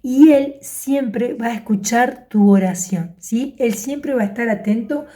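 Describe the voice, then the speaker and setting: A high-voiced woman with an Argentine accent tells a Bible story to children. Her tone is mellow rather than bright, and she keeps it animated with little sound effects and "¿sí?" check-ins. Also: unhurried. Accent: Argentine Spanish.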